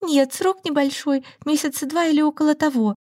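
A woman putting on a shrill, hysterical jealous wife. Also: fairly even intonation, a little fast, dark tone, no room sound, studio quality, lightly acted. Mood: tearful.

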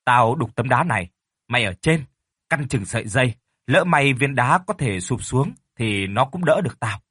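A man's voice: mid-range voice, expressive, normal speed, fairly bright tone, husky, no room sound, studio quality. A man voicing a bossy, hot-tempered older brother who barks orders and scolds. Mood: commanding. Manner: barking, scolding commands.

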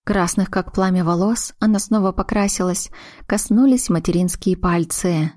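A woman narrating an audiobook in a steady, measured reading. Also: on the low side, dry recording, clean studio sound. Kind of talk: scripted narration.

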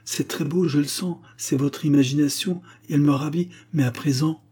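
Storybook role: soft-hearted young blind woman, pleading, husky as a male reader puts her on. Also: fairly high pitch, steady tone, normal speed, pitched above the performer's own voice. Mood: tender. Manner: pleading, tender.

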